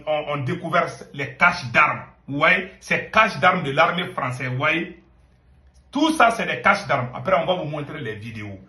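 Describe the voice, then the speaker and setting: A man's voice: a little high, sharp tone, roomy sound. A man hosting an online political news channel, talking to viewers in an emphatic, urgent way and repeating himself. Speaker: political commentator and channel host. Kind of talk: excited online news commentary.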